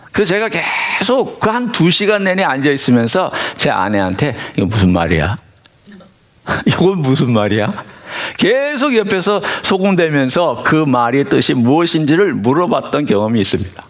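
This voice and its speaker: A middle-aged male pastor preaching a sermon, telling stories and swinging between loud emphasis and hushed asides. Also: mid-range voice.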